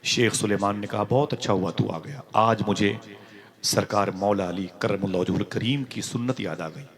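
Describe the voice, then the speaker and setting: A man giving a religious sermon, telling a story with acted-out dialogue and sudden loud, emotional outbursts. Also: fairly low pitch, moderate pace. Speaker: preacher.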